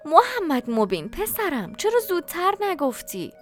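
A woman reading a storybook, voicing a loving mother who is tender but firm and gently teasing. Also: high voice, expressive, soft background music. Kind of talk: audiobook character voice.

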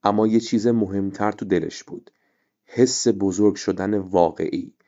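A male storyteller reading a children's story aloud in a measured way. His voice is low and mellow, and the recording sounds dull and muffled. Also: steady tone. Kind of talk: scripted children's story narration.

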